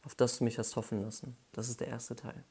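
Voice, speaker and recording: A man giving a devotional Bible talk, explaining slowly with pauses and correcting himself as he goes. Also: medium pitch, level tone, creaky, darkish tone, breathy edge. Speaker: Bible teacher.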